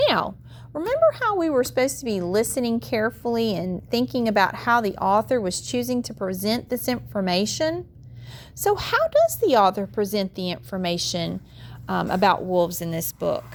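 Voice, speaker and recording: A woman teacher with a mid-range voice reads a children's nonfiction book aloud to her students as instruction, explaining and asking young learners questions directly. A little hiss or hum is audible.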